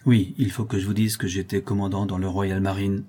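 A blunt, world-weary former naval commander, as a man reads him in an audiobook, firm and matter-of-fact. The voice is low and dark, with a husky edge. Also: little pitch movement, fairly quick. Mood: grim, steady.

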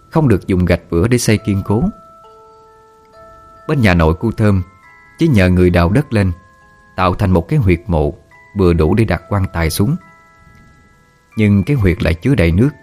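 A man narrating a story in a steady, somber way. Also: low-pitched. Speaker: audiobook narrator.

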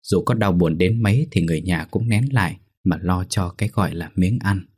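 Man, ghost story narration, deep voice, husky tone, somber. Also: a little fast, a little mellow.

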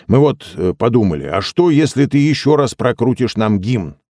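A man voicing a brash young man who speaks loudly and with exasperation. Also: medium pitch, big pitch swings, normal speed, no echo, clean studio sound, pitched above the performer's own voice. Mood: coaxing. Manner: loud and exasperated.

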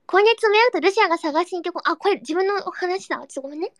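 A young woman hosting a casual live audio chat, reading listener comments in a cutesy, excitable way and breaking into squeals and giggles. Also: extremely high pitch, rapid-fire, no room sound, clean studio sound. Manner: cutesy, baby-talk endings.

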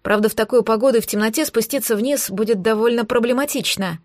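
A woman's voice: fairly high pitch, quick pace, a little mellow, dry recording, studio quality, natural voice. A woman voicing a stern, tense young man who gives short, clipped commands. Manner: terse, clipped orders.

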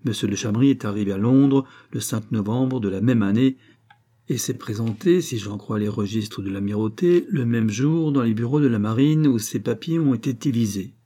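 Guy reading an old novel out loud, mellow voice, steady and dramatic. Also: mid-range voice, moderate pace. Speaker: audiobook narrator. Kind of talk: scripted narration.

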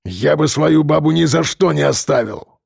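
A man voicing a rough, blunt male prisoner who speaks in a coarse, booming way. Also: moderate pace, darkish tone, no echo, studio quality, heavily acted.

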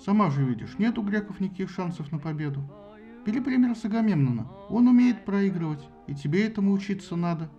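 A man's voice: sits high, lively intonation, fast talker, mellow, muffled recording, faint music behind, pitched above the performer's own voice. Zeus, a man doing a weary grumbling father god. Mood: coaxing. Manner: tired, grumbling.

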